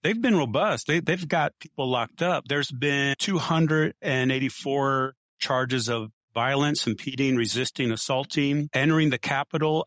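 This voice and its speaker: A man's voice: medium pitch, a bit bright, no room sound. Argumentative man in a dry room. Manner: argumentative, runs through statistics. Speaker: guest. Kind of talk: casual political debate.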